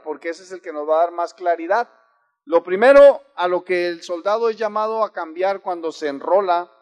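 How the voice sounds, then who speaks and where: A man with a high, slightly mellow voice preaches a sermon in an earnest, exhorting style. He restarts his phrases often and varies his emphasis.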